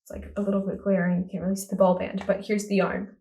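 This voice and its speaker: Enthusiastic woman podcast host, mid-pitched, roomy sound from a few feet off the mic. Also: little pitch movement, fast, mellow, recorded from a distance. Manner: enthusiastic, rambling with many fillers and restarts. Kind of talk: casual chat to camera.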